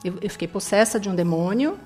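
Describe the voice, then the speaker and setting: A woman's voice: medium pitch, lively intonation, quick pace, warm tone, faint music behind. A woman with a Brazilian Portuguese accent giving an earnest personal faith testimony, often tagging her sentences with a questioning "né?". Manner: earnest storytelling, tags lines with "né?".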